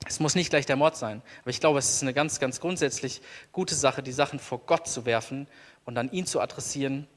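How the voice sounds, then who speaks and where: A man preaching a sermon as pastor, earnest, slowing down to stress key words. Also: mid-range voice. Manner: earnest, slows down for emphasis. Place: church. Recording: long church reverb.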